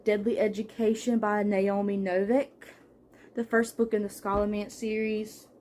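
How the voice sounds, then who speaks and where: Reading off book titles one by one at a normal speed, a young woman casually chats through her book haul, now and then adding a filler or a soft laugh. She's a book vlogger with a middle-pitched voice, recorded in a room at home.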